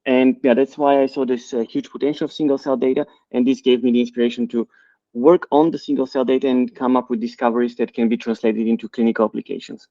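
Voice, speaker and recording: A middle-aged man from Bulgaria, a company CEO and co-founder, answering interview questions in a measured, explanatory way with frequent fillers. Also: medium pitch, level tone, dark tone, no echo. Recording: dry, slightly dull sound.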